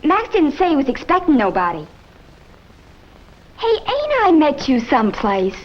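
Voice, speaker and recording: A woman's voice: high-pitched, huge pitch swings, unhurried, muffled recording, full character voice. An actress playing a brassy, defiant young woman who talks in coarse street slang, in a 1950s TV drama.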